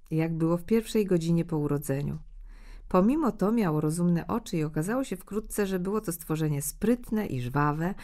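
A woman reads a fairy tale aloud in a calm, measured storytelling manner. Her voice sits low for a woman, steady and even. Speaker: narrator.

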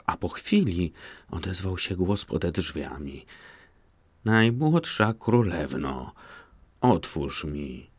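A man narrating a fairy tale audiobook in a slow, measured storytelling manner, close to the mic. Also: deep voice, creaky, a little mellow, no room sound.

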